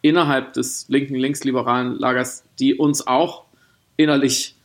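Gravelly-voiced man co-hosting a podcast. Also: mid-range voice, little pitch movement, moderate pace. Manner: thoughtful, wordy, with frequent restarts and laughs. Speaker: podcast co-host. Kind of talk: casual podcast conversation.

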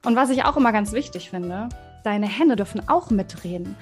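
A woman's voice: mid-range voice, animated, moderate pace, faint music behind. A woman, a voice expert, explaining to children in an interview and speaking to them directly and encouragingly. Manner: warm, encouraging, speaks directly to kids with vivid examples. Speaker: voice and communication expert, guest.

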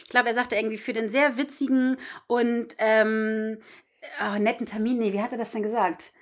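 A woman's voice: on the high side, flat delivery, normal speed. A woman hosting a casual podcast chat, talking freely, laughing often and trailing off mid-sentence. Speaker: podcast host, dog trainer. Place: indoors at home with dogs nearby.

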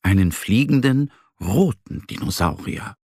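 Slow, husky male storyteller. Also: fairly low pitch, no echo, studio quality. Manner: gentle, expressive storytelling. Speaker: narrator. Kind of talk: children's story reading.

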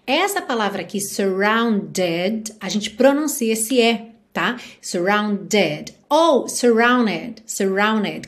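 A Brazilian woman teaching English pronunciation, explaining sounds patiently and repeating words slowly. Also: mid-range voice. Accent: Brazilian Portuguese. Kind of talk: pronunciation lesson.

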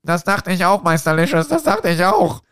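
A man's voice: high voice, very animated, moderate pace, a bit bright, clear, resonant tone, no echo, studio quality, pitched above the performer's own voice, full character voice. A man voicing a meek young male henchman who is eager to please, in a comic reading of a fantasy story. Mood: servile.

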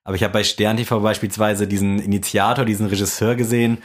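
Chill young dude rambling on a podcast, lowish voice, lots of slang. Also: male voice, level tone, fast talker. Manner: laid-back, rambling, with colloquial slang. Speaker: podcast co-host. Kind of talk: casual chat.

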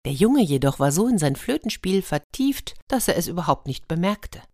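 A woman reading a German fairy tale aloud with lively, dramatic pauses. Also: lowish voice, dry recording, studio quality. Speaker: storyteller.

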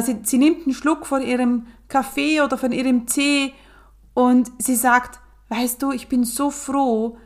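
A woman podcast host speaks to her listeners in an earnest, coaching way, guiding them through an imagined scene. Her voice sits fairly high. She takes her time, pausing between short phrases. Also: darkish tone. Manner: slow, earnest, coaching, addresses listener directly. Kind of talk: guided visualization podcast talk.

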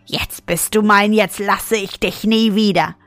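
Villainous storybook moth king, loud, panting, gloating, read by a woman. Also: mid-range voice, steady tone, measured pace, no room sound, soft background music, lightly acted. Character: leering male moth king, brutish and gloating.

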